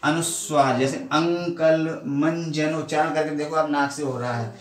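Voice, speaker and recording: Male Hindi teacher with a Badaun accent, slightly higher voice, keeps quizzing and answering himself, recorded off-mic in an echoey room. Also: steady tone, normal speed, a bit bright, recorded from a distance. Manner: asks questions and answers them himself. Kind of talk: classroom lesson.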